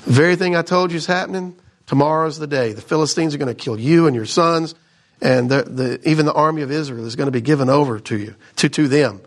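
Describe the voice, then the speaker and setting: Gravelly-voiced man teaching a Bible study. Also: fairly high pitch, fast. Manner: conversational, reads scripture then explains with frequent "right?".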